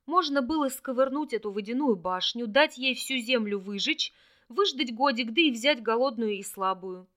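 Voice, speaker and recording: A woman's voice: fairly high pitch, animated, normal speed, a bit bright. Woman reading as a gloating old villain. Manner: gloating, mocking confession. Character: scheming old male trickster villain. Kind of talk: audiobook character voice.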